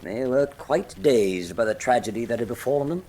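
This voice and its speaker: An actor playing a loyal, easily shocked Victorian gentleman doctor in a radio drama, expressive and gentlemanly. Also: mid-range voice, moderate pace, natural voice. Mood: thoughtful, pleased. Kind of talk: full-cast radio drama acting.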